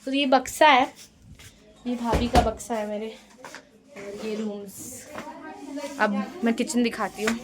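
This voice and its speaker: A woman's voice: a little high, fairly even intonation, slow pace, pauses often, heavy background noise. A young woman vlogging a casual home tour, chatting playfully to viewers while she walks through a family house. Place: family house, indoors and courtyard. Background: family members talking around her.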